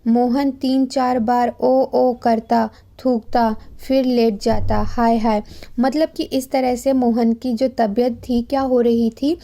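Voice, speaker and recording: A woman's voice: a little high, little pitch movement, unhurried, hardly any pauses, dark tone. A woman teacher patiently explaining a textbook story, asking questions and answering them herself.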